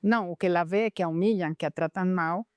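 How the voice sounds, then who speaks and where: A woman's voice: on the low side, quick pace, a little mellow, clean tone, dry recording, studio quality. A woman teaching about personality types in a podcast conversation, explaining patiently and illustrating points with real cases. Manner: explanatory, tells cases with acted quotes. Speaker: Enneagram teacher.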